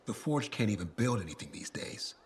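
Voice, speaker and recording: Swinging widely in pitch from a fairly low base, the actor talks a bit fast as a boastful, showman-like craftsman selling custom weapon decals. It's salesy, colorful patter written as video game dialogue, with slight noise in the background.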